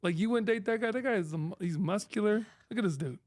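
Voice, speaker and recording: A man hosting a casual group chat, excitable and laughing often as they watch videos together. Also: high voice, quick pace. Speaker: podcast host.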